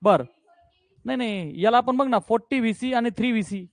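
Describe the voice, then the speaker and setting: Male physics teacher, high voice, energetic and coaxing with his class, dry sound. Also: brisk, no room sound. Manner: energetic, coaxing, keeps checking students understand. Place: classroom with students.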